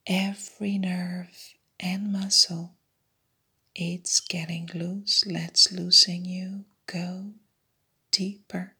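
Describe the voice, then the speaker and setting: A woman guiding a hypnosis meditation in a soft unvoiced whisper, repeating soothing suggestions. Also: on the low side, level tone, very slow, creaky, husky. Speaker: meditation guide.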